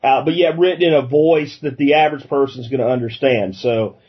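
A man hosting a casual interview, thinking aloud in a halting way. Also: medium pitch, breathy edge, muffled recording. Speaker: interviewer, host.

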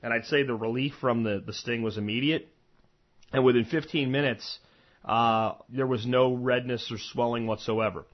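A man's voice: medium pitch, fairly even intonation, normal speed. American man podcasting, dull lo-fi sound. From eastern United States, Florida and Pennsylvania. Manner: conversational, rambling with personal anecdotes and asides. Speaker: podcast host. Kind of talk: informal solo podcast talk on medicinal plants.

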